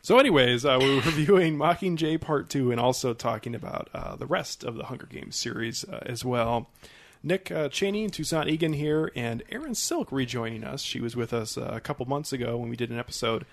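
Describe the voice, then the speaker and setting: A man's voice: medium pitch, animated, fairly quick, gravelly. Male film podcast host, mid-range voice. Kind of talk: casual film discussion.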